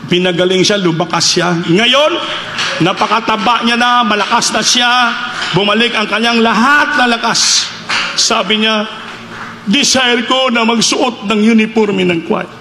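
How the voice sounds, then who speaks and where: Male preacher, animated sermon, high bright voice, echoey hall with long reverb. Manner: animated, climbing into loud, high-pitched cries when quoting prayers. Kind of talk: sermon with retold testimonies. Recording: echoey hall, faint background noise.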